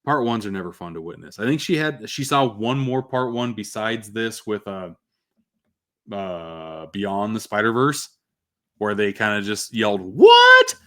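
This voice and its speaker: Animated, low-voiced male movie reviewer. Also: a little slow. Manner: animated, jumps up in pitch when announcing numbers. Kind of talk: casual movie ranking commentary.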